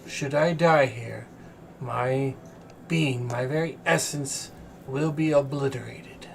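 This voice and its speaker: A man's voice: mid-range voice, creaky. Man voicing a solemn, ancient imprisoned angel. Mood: grave, solemn. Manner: solemn, slow, formal pronouncements. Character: imprisoned, blinded fallen angel, grave, ancient and vain. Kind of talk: tabletop role-play. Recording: room recording with faint background noise.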